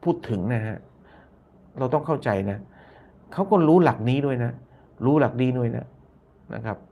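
The audio is narrow and tinny as a man hosting a casual YouTube live stream talks at a mid-range pitch and moderate pace. He reads viewer comments aloud and mulls them over, returning to his own phrases and softening lines with polite particles.

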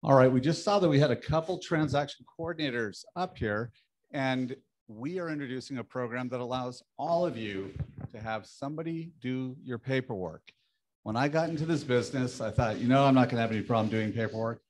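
A man's voice: medium pitch, lively intonation, moderate pace, a little mellow. A man with an ordinary mid-range voice presents a new program at a team meeting. He talks candidly and matter-of-factly, walking the room through how it works.

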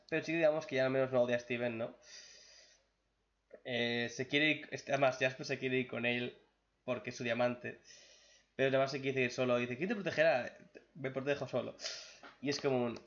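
Young male reaction youtuber, Spain Spanish accent, excitable and foul-mouthed, slightly dull lo-fi mic. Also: medium pitch. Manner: excitable, swears freely. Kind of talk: casual reaction commentary.

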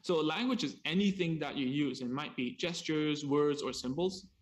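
A man with a slightly higher voice gives a seminar over a video call. He speaks in short explanatory chunks and pauses for an interpreter, adding casual asides as he goes. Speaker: speech therapist presenter.

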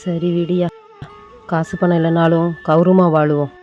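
A woman's voice: on the low side, little pitch movement, a little slow, muffled recording, soft background music, close to an everyday voice. An actress playing a practical, anxious mother who scolds her daughters and steadies her husband. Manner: scolding, then steadying and supportive.

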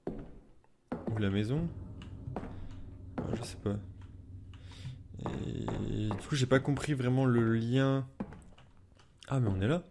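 A man's voice: mid-range voice, takes it slowly, creaky, long pauses, background noise. A man giving casual let's play commentary, informal and hesitant as he thinks aloud. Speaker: let's player.

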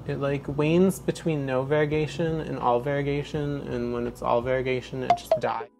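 His voice is mid-range, creaky and a little mellow, with a steady tone and moderate pace. The man, a houseplant vlogger in his twenties, leads a casual tour of his plants at home by an open window, talking over passing trucks with wry, playfully dramatic remarks.

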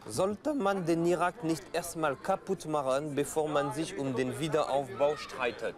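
A man in his thirties asking naive, leading questions with a deadpan manner in an outdoor street interview, held on a boom mic. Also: measured pace, crowd noise. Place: outdoor pedestrian street and market. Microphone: handheld boom mic with fluffy windshield.

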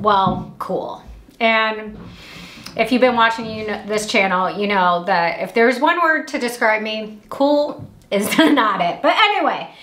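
A woman in her thirties from Indiana, chatting upbeat at home through a grocery haul vlog, with quick asides. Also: on the high side, fairly bright tone, reverberant, slight background noise. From Indiana, USA. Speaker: vlogger. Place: small room at home.

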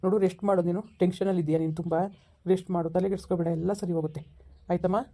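Brief: man, low warm voice, fast reassuring father calming his daughter in a village drama. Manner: soothing, reassuring. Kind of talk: amateur village family drama.

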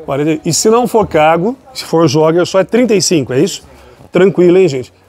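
This market vlogger speaks fairly quickly in a slightly high, animated voice with a darkish tone. Filming on a handheld phone as he walks a busy city street's night market, he chats with vendors and cheerfully keeps calling his viewers "gente."

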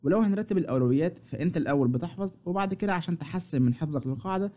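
A man's voice: fairly high pitch, lively intonation, rapid-fire, narrow, tinny audio. A man with an Egyptian Arabic accent giving a direct, instructive lesson with study tips, speaking straight to the viewer. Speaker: English teacher.

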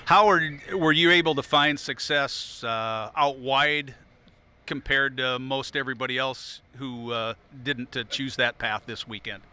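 Male TV sports host, upbeat and laughing easily; very bright, crisp, clear delivery. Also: mid-range voice, a little slow. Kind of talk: post-tournament interviews and trophy presentation.

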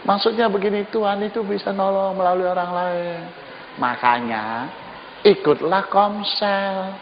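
Joking pastor preaching in a reverberant church hall. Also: male voice, high-pitched, a little slow, muffled recording. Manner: lively and joking, with colloquial asides. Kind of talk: sermon. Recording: echoey church hall, faint noise.

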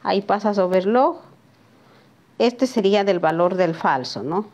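A woman's voice: mid-range voice, unhurried, darkish tone. Chatty woman teaching pattern cutting. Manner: chatty, talks to viewers by name and asks "¿sí?" often. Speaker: sewing teacher. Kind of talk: live pattern-making lesson. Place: sewing workshop, at a cutting table.

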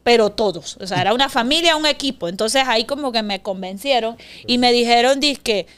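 Young woman guest, clear higher voice, animated storytelling. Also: brisk. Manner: lively storyteller, acts out voices. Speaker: interview guest. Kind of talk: casual interview chat.

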